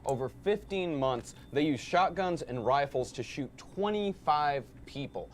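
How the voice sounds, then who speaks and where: A slightly high male voice reading news items with a lively, bouncing delivery. Faint noise sits under him. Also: unhurried. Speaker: podcast co-host reading news segments. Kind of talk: reading crime stories for comedy podcast.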